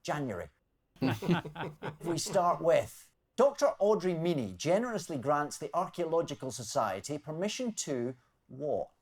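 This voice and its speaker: A man hosting a comedy news quiz, reading scripted jokes with wry, deadpan timing. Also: a little high, a little slow. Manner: wry, deadpan delivery of punchlines. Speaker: quiz show host.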